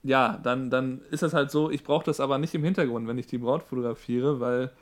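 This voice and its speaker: A man co-hosting a casual podcast, a wedding photographer calmly explaining his view. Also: mid-range voice, a little fast.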